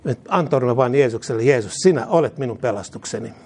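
A mid-range male voice, a little mellow with lively intonation, carries this earnest sermon. The preacher feeds the congregation a prayer in short phrases for them to say back.

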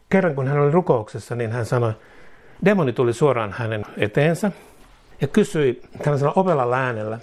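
A man's voice: mid-range voice, darkish tone. A man preaching a sermon, emphatic and repetitive, rising into fervent prayer.

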